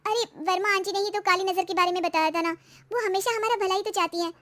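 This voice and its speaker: A woman's voice: very high voice, steady tone, quick pace, fairly bright tone, pitched above the performer's own voice. A woman voicing a chatty young daughter-in-law in a cartoon story. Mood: worried. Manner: chatty, complaining.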